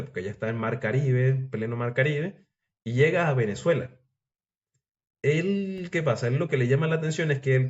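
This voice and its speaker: A man casually retelling a historical story in a loose, chatty way, now and then acting out quotes. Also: mid-range voice. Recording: dull lo-fi sound.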